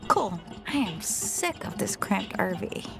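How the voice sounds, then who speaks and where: An actress playing a surly, guarded young woman in a video game, terse and deadpan. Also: mid-range voice, slow pace, full character voice. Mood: flat, guarded. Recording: clear music behind.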